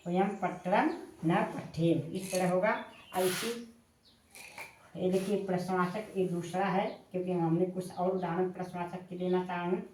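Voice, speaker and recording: Slow, dictating woman teacher in echoey room. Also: fairly low pitch, darkish tone. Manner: dictates slowly, repeating each word as if for notes. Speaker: Sanskrit teacher. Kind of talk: classroom-style lesson.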